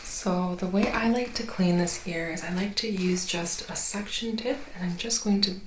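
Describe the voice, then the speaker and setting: A woman in a soft, mostly soft-spoken ear-exam ASMR role-play, gently explaining each step as the clinician. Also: on the low side, moderate pace, background noise.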